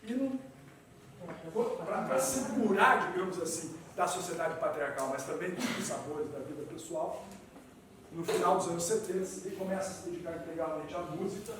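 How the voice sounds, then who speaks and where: Guy lecturing, high-ish voice, lively, big echoey hall from far off. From southern Brazil. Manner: animated, wide swings in pitch and loudness, frequent "né". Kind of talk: lecture to an audience. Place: meeting hall. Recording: echoey hall, distant mic, faint noise.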